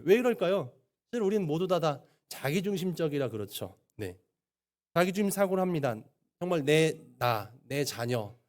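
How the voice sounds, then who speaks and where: 빠르게 말하는 설교하는 남성 목사. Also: male voice, fairly high pitch, a little mellow. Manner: storytelling with frequent affirming "네" and quick delivery. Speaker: pastor. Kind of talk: sermon. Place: church sanctuary.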